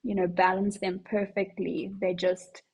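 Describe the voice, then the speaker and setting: A young woman, a powerlifting coach and artist, answering interview questions in a soft-spoken, thoughtful way. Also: medium pitch, little pitch movement, unhurried, breathy edge, low-quality recording.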